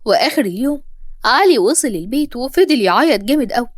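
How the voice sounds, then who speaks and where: A woman's voice: on the high side, animated, fast talker, dry recording, clean studio sound. A woman with an Egyptian accent narrating a first-person story expressively. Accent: Egyptian Arabic.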